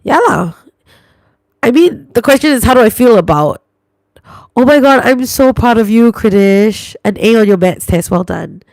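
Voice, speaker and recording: This livestream host, a young woman from New Zealand and Singapore with a Singaporean English accent, has a fairly high, expressive, slightly mellow voice and a moderate pace. In a dry recording, she chats casually, reacts aloud to comments, and peppers her speech with "lah" and "lor."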